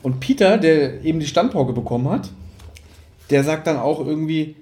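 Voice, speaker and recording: A man in his thirties, his voice a little high, animated and warm at a normal speed, co-hosts a podcast. He casually discusses an audio drama, acting out quotes as he retells it.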